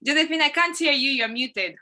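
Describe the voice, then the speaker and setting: Her voice sits high and sounds animated, brisk, pushed and bright. This young woman from Uganda is the host of a live video-call session, keeping things chatty and welcoming with lots of fillers, all picked up by a laptop or phone microphone.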